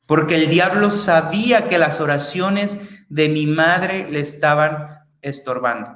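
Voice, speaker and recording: A man's voice: fairly high pitch, unhurried, fairly bright tone. A man giving an earnest religious testimony, speaking to listeners as brothers and sisters. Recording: roomy echo.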